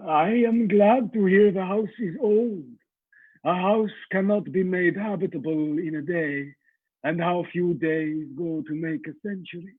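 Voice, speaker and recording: An actor playing a courtly, menacing ancient vampire count in a radio play, speaking formally and ominously. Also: male voice, sits high, a little slow, slightly rough, no room sound, narrow, tinny audio. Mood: brooding, courtly.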